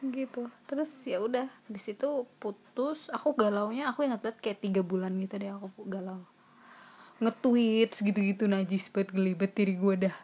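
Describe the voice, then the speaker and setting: A young woman in her twenties with a husky, slightly breathy voice talks casually. She tells her stories in a lively way, mocking herself and laughing often. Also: mid-range voice, fairly quick. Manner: lively, self-mocking, slangy. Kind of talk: casual chat.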